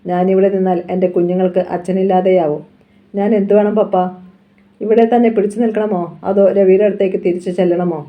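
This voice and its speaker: A grieving young mother, as the reader puts her on, pleads softly at her father's grave in a novel reading. The pitch sits in the middle range. The recording is dull and lo-fi. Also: level tone, brisk, lightly acted. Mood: pleading.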